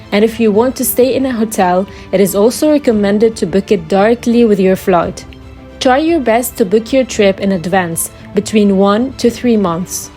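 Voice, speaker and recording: A woman's voice: mid-range voice, echoey room, poor audio. A young woman from Lebanon giving travel tips in a friendly, explanatory scripted vlog. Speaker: travel vlogger.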